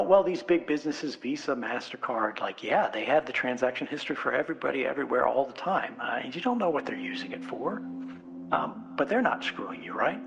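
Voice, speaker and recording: With music running beneath him, an American man delivers an unscripted conference talk, conversational and emphatic, frequently posing rhetorical questions to the crowd. His voice is on the high side, gravelly and fairly bright.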